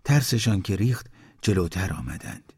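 A man reading a story aloud in a calm, measured way, giving each villager a voice. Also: low-pitched, slightly rough. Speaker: narrator.

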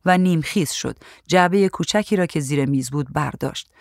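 A woman reading a story aloud in a calm, even voice. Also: sits low, vocal fry, dry recording, studio quality. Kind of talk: storybook narration.

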